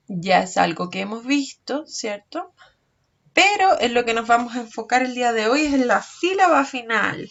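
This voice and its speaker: A woman with a cold teaches small children in an online lesson. She talks very slowly and patiently, stretching words out and checking understanding. The recording sounds dull and lo-fi. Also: fairly high pitch, fairly bright tone. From Chile. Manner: slow, patient, checks understanding with frequent questions. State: has a cold. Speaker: preschool teacher.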